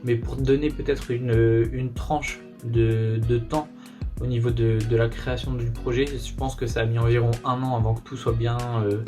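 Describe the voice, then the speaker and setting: A young man with a light northern French accent talks quickly and casually, answering fan questions in a relaxed, slangy vlog style. His voice sits at a middle pitch, with faint music playing behind him. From northern France. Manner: chatty, slangy, laid-back. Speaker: YouTuber.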